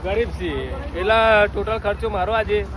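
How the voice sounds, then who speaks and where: Man, Gujarati accent, high-pitched, teasing and playful, casual outdoor vlog, crowd chatter behind. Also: moderate pace. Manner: teasing, playful, coaxing others to repeat tongue twisters. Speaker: vlogger.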